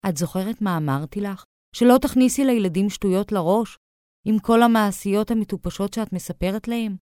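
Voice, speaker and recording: A woman's voice: medium pitch, darkish tone, clear, resonant tone, no room sound, studio quality, lightly acted. A woman voicing a stern, impatient father of three who blusters in exasperated outbursts, in a storybook reading. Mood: scolding.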